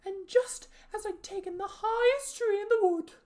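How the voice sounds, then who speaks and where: A woman voicing a frantic, indignant, suspicious pigeon from a storybook, scolding in drawn-out shrieks. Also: very high-pitched, a little mellow, pitched above the performer's own voice. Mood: exasperated, sobbing. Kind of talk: storybook character voice.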